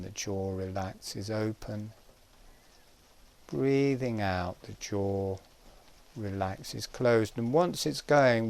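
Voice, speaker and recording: A man guides a breathing exercise in a calm, gentle, measured way, pausing between short phrases. His voice is lowish and gravelly.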